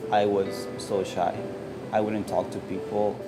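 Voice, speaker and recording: A man from Venezuela talks about student life in a promotional video. His voice is low and flat, listing things plainly. Loud plucked guitar music fills the background. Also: unhurried, poor audio. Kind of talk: testimonial interview.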